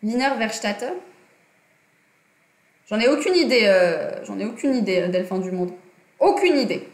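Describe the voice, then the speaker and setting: With a mid-range voice, lively intonation and normal speed, a young woman hosts a casual livestream lesson from her desk. The small room gives a roomy sound, and her chatty talk on design and politics is full of fillers and self-corrections.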